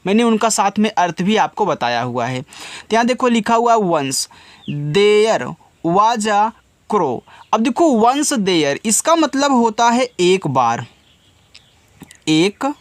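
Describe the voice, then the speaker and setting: Man teaching in a lively, patient voice. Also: high voice, slow, pauses often, no echo. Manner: patient, repeats each step, often asks listeners directly. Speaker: English teacher. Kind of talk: casual spoken lesson.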